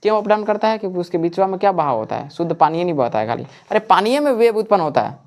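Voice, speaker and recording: Rapid-fire and sing-song, a man's high voice leads a classroom lecture at a coaching center. He keeps throwing questions at the class only to answer them himself.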